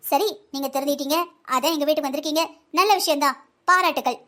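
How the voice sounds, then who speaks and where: A woman voicing a sharp-tongued middle-aged mother in a cartoon family drama, scolding quickly and insistently as she protects her daughter. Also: high voice. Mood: stern. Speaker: voice actor.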